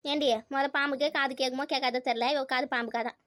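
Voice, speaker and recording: A woman's voice: high-pitched, fairly even intonation, fast talker, fairly bright tone, no room sound, clean studio sound. A woman in a comic family skit, scolding and exasperated as a mother-in-law.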